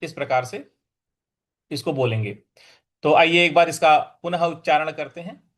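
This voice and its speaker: A man teaching a scripture lesson, reciting verses in a slow chant and explaining each word with careful repetition. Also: on the high side, a bit bright. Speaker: Gita teacher.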